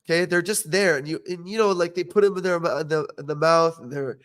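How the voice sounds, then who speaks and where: Fairly high-pitched and fairly bright, this young dental professional talks at a quick pace on his casual podcast. He hands out blunt, opinionated advice, dotted with frequent "okay?"s.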